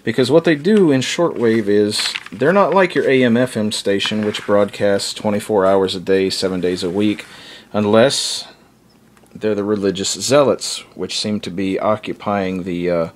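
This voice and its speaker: An American man, a video blogger and radio hobbyist, gives a casual, unscripted explanation that rambles along conversationally. His voice is lowish and his pace moderate.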